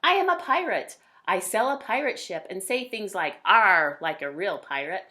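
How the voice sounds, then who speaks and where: A woman reads a children's storybook, voicing an imaginative, boastful little boy who emphatically declares his dress-up adventures. She sounds excited and boastful, with a medium-pitched, animated voice that's bright and forceful at a moderate pace.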